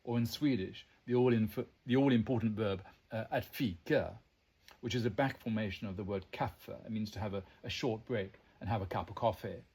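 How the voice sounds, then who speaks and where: A man's voice: lowish voice, normal speed, darkish tone, slightly rough. An Englishman hosting a language channel, musing to the listener in an erudite, meandering way, with frequent ums and asides. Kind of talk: reflective monologue to the listener.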